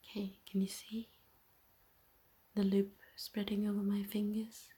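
A woman doing an intimate whispered role-play as a tender, teasing, dominant lover, speaking in a soft, breathy voice. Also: medium pitch, monotone, measured pace. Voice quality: breathy, airy.

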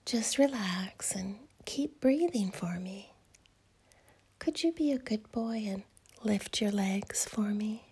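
Whispering softly and breathily, a woman voices a teasing, doting grown-up fairy for an audio roleplay. Her mid-range delivery is slow and coaxing, with lively intonation, and she acts it heavily.

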